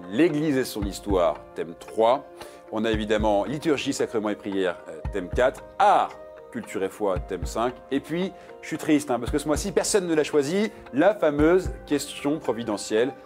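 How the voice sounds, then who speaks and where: Lively, playful male quiz host. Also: medium pitch. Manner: playful, jokey, reads multiple-choice answers with lively emphasis. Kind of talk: game show hosting.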